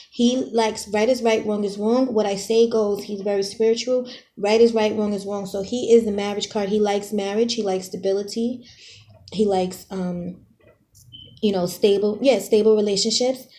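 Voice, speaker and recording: A woman's voice: mid-range voice, warm tone. A woman doing a casual tarot reading for her viewers. She is chatty and direct, uses playful slang, and keeps checking in with "okay?". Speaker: tarot reader.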